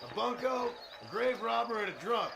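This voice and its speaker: John Marston, sardonic outlaw. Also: male voice, very high voice, animated, normal speed, creaky, heavily acted. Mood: dry. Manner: dry, sardonic. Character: John Marston, dry reformed male outlaw.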